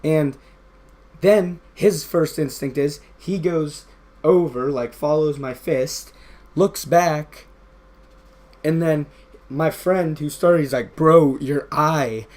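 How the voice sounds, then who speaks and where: A young man tells a story in a loose, rambling way. He leans on fillers and side remarks as he goes. His voice sits a little high for a man. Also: slow pace, pauses often, dark tone. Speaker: gaming vlogger. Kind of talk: casual storytime over gameplay.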